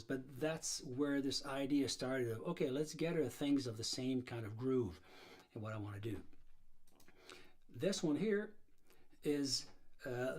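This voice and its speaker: The speaker, a middle-aged man from Serbia with a mid-range voice, runs a blues guitar livestream. He chats casually and wanders off topic, using many fillers and starting sentences over.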